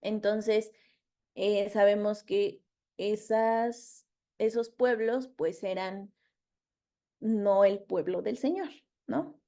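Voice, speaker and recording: A woman's voice: mid-range voice, steady tone, extremely slow, dark tone. A woman teaching a casual Bible study, chatty and loose, quizzing her listeners as she retells the story in her own words.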